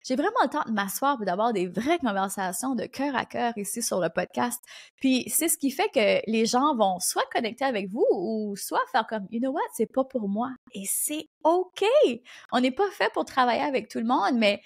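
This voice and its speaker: A woman with an Acadian French accent hosting her own podcast, giving casual, energetic business advice at a fast clip. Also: a little high, vocal fry. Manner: fast, animated, energetic talk. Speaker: podcast host and business coach. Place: indoor recording studio.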